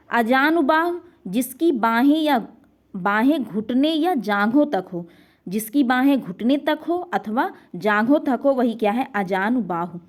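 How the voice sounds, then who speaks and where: A woman teaching a revision lesson on grammar, asking questions and answering them herself while repeating each answer, now and then dropping in an English word. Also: high voice. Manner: drops in English words like next and pronunciation.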